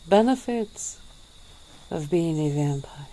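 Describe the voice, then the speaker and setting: In a soft-spoken ASMR roleplay, a woman voices an ancient, weary female vampire, letting out low chuckles. Her delivery is animated yet slow, and the audio quality is poor.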